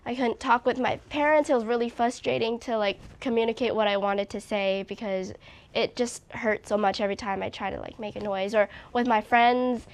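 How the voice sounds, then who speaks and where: A woman's voice: on the high side, fairly even intonation, brisk. A young woman from Hawaii, a recording artist being interviewed, talking earnestly and openly with a slightly congested voice. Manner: earnest, open, frequent "like". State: a little congested. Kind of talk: casual interview chat.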